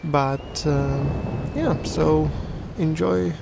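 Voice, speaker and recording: Man, casual game commentary, halting delivery, creaky voice, unhurried, noisy background. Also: on the high side. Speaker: video game commentator, channel host.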